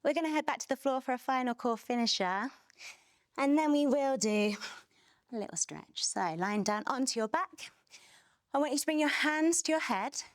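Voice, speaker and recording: A woman's voice: sits high, animated, moderate pace, no room sound, studio quality. A young adult woman leading a barre workout class, energetically counting reps and cueing moves while a little out of breath. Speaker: fitness instructor.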